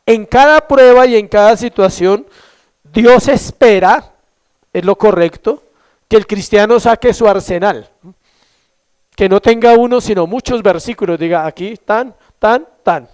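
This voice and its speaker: Pastor guy preaching, smooth clear voice, asks questions n answers them himself. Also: high voice, a little slow, a little mellow. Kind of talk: sermon.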